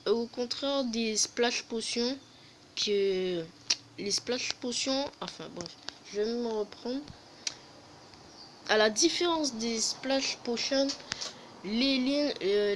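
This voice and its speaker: Slow, hesitant woman reviewing a game. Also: on the high side, background noise. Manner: hesitant, many fillers and self-corrections; self-mocking, jokey asides. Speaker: gaming video host. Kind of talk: casual game update review.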